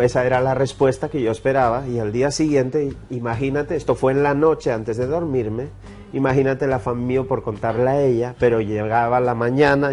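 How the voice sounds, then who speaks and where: A man's voice: mid-range voice, dark tone. A man giving an earnest personal testimony as an interview guest, acting out the dialogue of his story. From Brazil.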